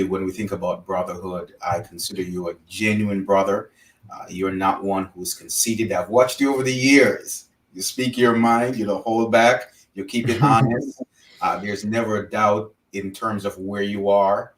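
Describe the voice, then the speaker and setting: A man from Jamaica, a religious teacher speaking as a guest in an interview, earnest and measured. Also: low-pitched. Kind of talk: interview conversation. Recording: roomy, distant from mic.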